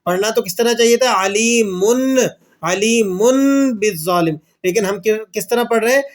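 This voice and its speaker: A man teaching Quran recitation, who asks questions and answers them himself and slowly draws out the verses he recites as examples. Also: extremely high pitch, fairly even intonation. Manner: slow drawn-out recitation of verses. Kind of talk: tajweed lesson with recited examples.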